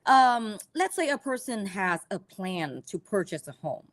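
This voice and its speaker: A woman from Vietnam, teaching a live personal finance class in a halting way full of ums and restarts. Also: medium pitch, big pitch swings.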